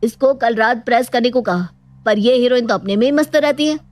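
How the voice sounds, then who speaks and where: A woman's voice: a little high, brisk, darkish tone, close to an everyday voice. Woman playing a short-tempered young husband. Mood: angry. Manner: irritable, complaining.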